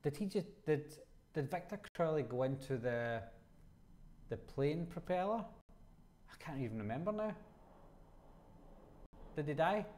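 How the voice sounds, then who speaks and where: A man's voice: on the high side, lively intonation, measured pace, long pauses, darkish tone. A man in his thirties with a Glaswegian Scottish accent, casually hosting a live chat, reading out questions and answering them conversationally. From Scotland. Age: 30s. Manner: conversational, reads questions aloud then answers. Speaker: livestream host.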